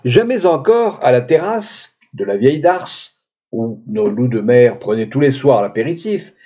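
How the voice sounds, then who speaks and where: A man narrating a horror story as an audiobook, reading in an expressive, dramatic way. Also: a little high, slightly rough, dull audio. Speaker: audiobook reader.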